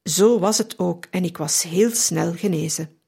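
Slow, husky woman reading devotionally. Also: on the low side. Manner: calm, measured, reverent. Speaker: radio reader of a saint's biography.

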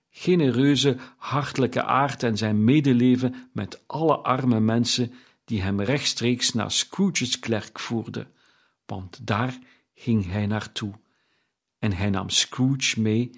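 A man narrating a classic tale as an audiobook in a measured storytelling manner. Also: medium pitch, gravelly.

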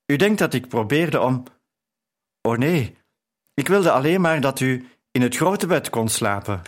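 A man reading the lines of a spirited young woman writer with quick, indignant retorts. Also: mid-range voice, lively intonation.

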